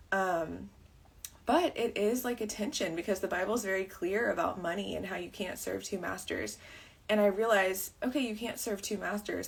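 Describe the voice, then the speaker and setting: A woman in her thirties with a rough morning voice, talking through a rambling, chatty livestream full of fillers and tangents. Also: lowish voice. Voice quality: husky. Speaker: vlogger and wedding videographer. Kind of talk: casual livestream talk.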